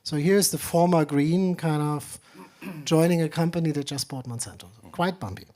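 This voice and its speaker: A man's voice: a little high, moderate pace, mellow. A middle-aged man from Germany, speaking on a conference panel with many fillers and dry humor. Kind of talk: panel discussion.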